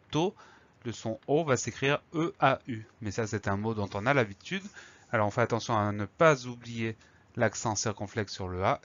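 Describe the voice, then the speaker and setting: A male teacher walks young pupils through spelling, pausing to sound out each letter with careful emphasis. His voice sits in a middle register and is recorded dry and close, with a slightly dull, muffled tone. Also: mid-range voice, fairly bright tone, no room sound. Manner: slow, clear, spells words letter by letter. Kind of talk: spelling lesson for children.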